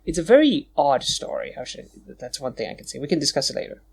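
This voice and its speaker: A man's voice: on the high side, big pitch swings, fast, vocal fry, husky. A man co-hosting a podcast, chatting casually, joking and bickering and swearing freely. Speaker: podcast co-host. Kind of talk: casual chat.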